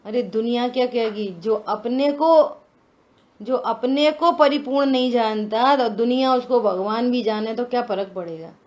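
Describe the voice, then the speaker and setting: A woman giving a religious scripture discourse, slow and deliberate, asking many rhetorical questions. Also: fairly high pitch, a little mellow, highs cut off. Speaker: scripture teacher.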